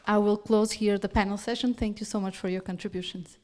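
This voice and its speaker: A woman's voice: mid-range voice, steady tone, fairly quick, warm tone, slight background noise. A woman moderating a panel, giving earnest, reflective closing remarks.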